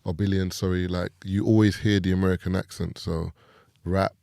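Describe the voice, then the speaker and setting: A man's voice: low-pitched, normal speed, vocal fry, no echo, studio quality. A man, a podcast guest chatting casually and easily. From England. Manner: relaxed, says "do you know what I'm saying". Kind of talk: casual chat.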